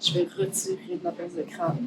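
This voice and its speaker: A woman's voice: on the low side, big pitch swings, fairly quick, noisy background. A woman with a Québécois French accent in a casual making-of vlog, explaining her steps informally and thinking aloud, with some English words mixed in. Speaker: craft artist, vlog host. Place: art workshop. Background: background music.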